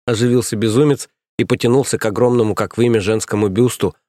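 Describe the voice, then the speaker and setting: A man narrates a fantasy novel in a steady, measured storytelling voice at a middle pitch. The recording is dry and close, with no room sound. His reading is even and controlled. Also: no room sound. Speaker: audiobook narrator.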